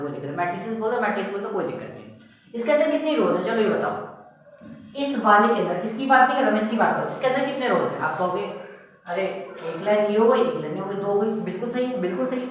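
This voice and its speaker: His voice is high-pitched and a bit bright, captured from afar in a very echoey room. Explaining a maths lesson at the whiteboard step by step, he poses questions to his students and answers them himself, repeating "okay" and "simple thing."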